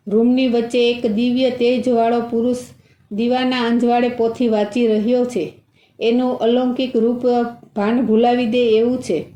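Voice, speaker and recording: A woman's voice: fairly high pitch, mellow. A woman narrating a devotional folk tale as storyteller, reading the characters' speech aloud within the narration. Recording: roomy echo.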